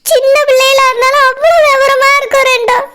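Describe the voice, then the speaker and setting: A woman's voice: very high voice, level tone, a little fast, bright, forceful tone. A woman voicing a distraught young mother in a cartoon who weeps and pleads over her missing children, with a Kanyakumari Tamil accent. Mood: tearful, pleading. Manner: weeping, pleading and fretful. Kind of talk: cartoon voice acting.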